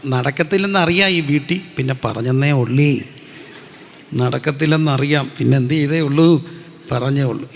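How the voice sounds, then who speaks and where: A man's voice: medium pitch, vocal fry, in a large hall. A man preaching a sermon as a pastor, asking the congregation questions, answering them himself and calling out hallelujah. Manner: slows right down when reciting prayer lines.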